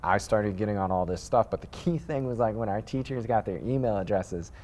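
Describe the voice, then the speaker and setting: Rambling, low-voiced man from the Midwest. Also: fairly quick, slight background noise. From Midwest United States. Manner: rambling, animated, with frequent fillers and restarts. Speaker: guest, sneaker designer. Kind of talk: casual interview storytelling.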